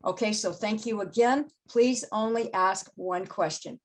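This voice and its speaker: A woman's voice: medium pitch, measured pace, poor audio. A woman who handles the chat at a townhall, firm but polite as she sets rules for questions on a video call. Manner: firm, polite, rule-setting. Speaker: chat moderator.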